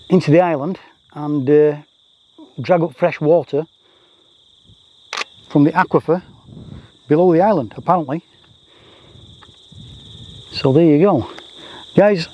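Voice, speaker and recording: A man's voice: fairly high pitch, dark tone. A man giving chatty, self-deprecating, casual vlog commentary outdoors, often repeating his phrases. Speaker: landscape photographer, vlogger. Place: outdoors on a grassy rural roadside. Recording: faint outdoor noise with insects.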